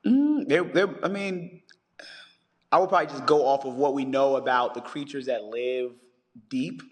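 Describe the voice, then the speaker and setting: A man who is a science teacher, chatting on a podcast as a guest and telling stories with animated energy. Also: medium pitch, moderate pace, in a large hall. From United States. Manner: animated storyteller, acts out callers in quotes. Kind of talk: casual podcast chat.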